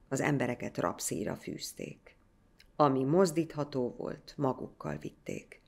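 A woman narrating a folk legend in a measured, scripted storytelling manner. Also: a bass voice, vocal fry.

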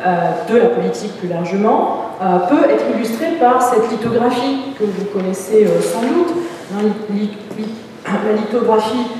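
A woman's voice: fairly high pitch, dark tone. A woman delivers a scholarly lecture, her voice heard from a distance in a large, strongly echoing hall. She hesitates often, filling gaps with small sounds and restarting her phrases as she thinks. A faint hiss sits under the room's long reverb. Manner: hesitant, many fillers and restarts. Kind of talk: academic conference talk. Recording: echoey hall, distant mic.

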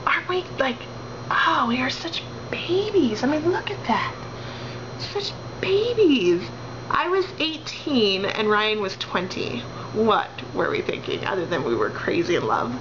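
A woman's voice: a little high, big pitch swings, unhurried. Young woman rambling thru her house on a camcorder, laughing at her own mess, muffled sound, background hum. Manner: chatty, self-deprecating, rambling asides. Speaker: vlogger. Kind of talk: casual house tour vlog. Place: home, walking through rooms. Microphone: handheld camera mic. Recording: dull lo-fi camera audio with household noise.

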